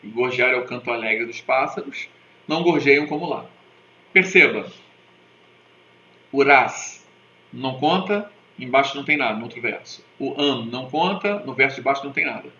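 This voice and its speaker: Bright-voiced man teaching in an echoey room. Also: mid-range voice, expressive, moderate pace. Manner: didactic, keeps checking in with "tá?" and "né?"; spells out sounds and has viewers repeat them. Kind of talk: recorded literature lesson. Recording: echoey, dull lo-fi room recording with faint noise.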